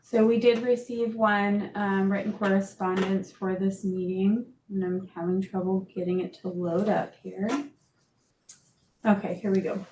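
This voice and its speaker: A woman with a mellow, mid-pitched voice speaks as a meeting clerk in a procedural reading style. The recording is very roomy and echoey, with a faint rumble of noise behind her. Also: flat delivery, a little slow. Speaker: meeting clerk or staff member. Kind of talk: procedural talk and reading correspondence aloud.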